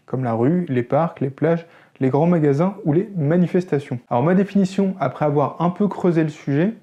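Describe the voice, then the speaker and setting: A man's voice: on the high side, dark tone, highs cut off. A man with a French accent hosting a photography channel, explaining a topic in a conversational way with self-deprecating asides. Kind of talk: educational talk to camera.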